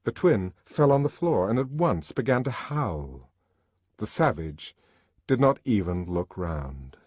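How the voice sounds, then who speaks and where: A husky-voiced man reads a novel aloud, his pitch rising and falling widely as he dramatizes the scenes. The voice sits on the low side and sounds close and dry. The recording itself is dull and lo-fi. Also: unhurried, no echo. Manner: dramatic, expressive reading. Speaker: audiobook narrator. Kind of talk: scripted literary narration.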